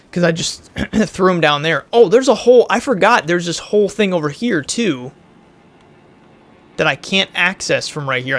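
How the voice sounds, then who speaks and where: Male gaming YouTuber, rambling let's-play commentary, slightly worn gravelly voice. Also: fairly high pitch, a bit bright. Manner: chatty, rambling, thinks aloud. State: losing his voice a bit.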